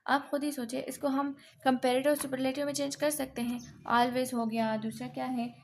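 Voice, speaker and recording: Woman, grammar teacher, patient explaining, slightly high voice, faint background hiss. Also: little pitch movement, moderate pace. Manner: patient, repeats "sahi hai", corrects herself often.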